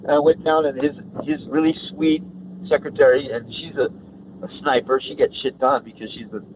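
A man rambling through loose, profane anecdotes as an interview guest. His voice comes over a thin, phone-like line. There is steady noise behind him. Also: medium pitch, normal speed. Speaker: actor guest. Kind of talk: casual storytelling. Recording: tinny phone-like line, noisy.

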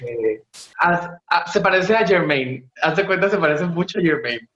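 High-voiced Mexican man, echoey lo-fi. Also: lively intonation, normal speed, a bit bright, a little hiss or hum. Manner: slangy, chatty storyteller. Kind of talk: casual chat. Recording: echoey, dull lo-fi sound.

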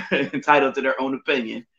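Animated and measured, a middle-aged man speaks in a creaky, slightly bright mid-range voice, heard through dull lo-fi audio. He's a guest on a podcast, casually chatting in an interview and rambling with frequent fillers and self-corrections as he restarts his thoughts.

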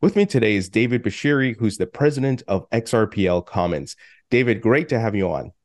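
A man's voice: on the low side, animated, fairly quick, no echo, studio quality. A man hosting a crypto podcast, reading a sponsor spot and greeting his guest in a friendly, upbeat way. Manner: upbeat and friendly, some fillers. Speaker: podcast host. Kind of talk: podcast interview and read ad.

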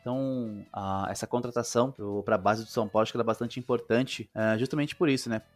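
A man's voice: fairly low pitch, steady tone, quick pace, dry recording, soft background music. A Brazilian man co-hosting a football podcast, talking in an informal, slangy, conversational way. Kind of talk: casual sports chat.

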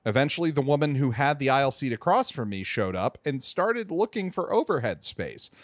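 A man co-hosting a comedy podcast, reading a listener's story aloud and shouting the quoted lines. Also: medium pitch, big pitch swings, brisk, no room sound, clean studio sound.

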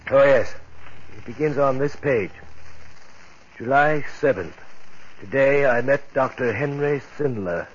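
An actor playing a grave, secretive male scientist in an old radio show drama, speaking in a hushed, tense way. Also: mid-range voice, measured pace, long pauses, slight background noise. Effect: old radio show recording. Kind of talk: 1950s radio drama acting. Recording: muffled old radio recording, faint music.

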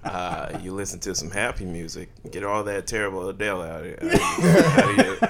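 A man's voice: low-pitched, lively intonation, fairly quick, vocal fry, over a noisy crowd. A man who is a comedian guesting on a podcast, chatting casually with wry jokes. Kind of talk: casual joking chat.

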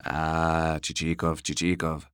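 A man doing a grave, gentle older moralist. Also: extremely low pitch, monotone, clear, resonant tone, no echo, studio quality, pitched below the performer's own voice, full character voice. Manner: slow, grave, quietly reproachful. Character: calm pious older man, gently admonishing.

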